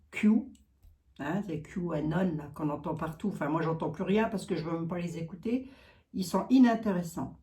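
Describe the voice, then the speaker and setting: A woman's voice: lowish voice, mellow. A woman with a Lorraine accent, chatting casually and folksily with her viewers as a psychic card reader. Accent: Lorraine French. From Lorraine, eastern France. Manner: chatty, folksy, peppers talk with "hein".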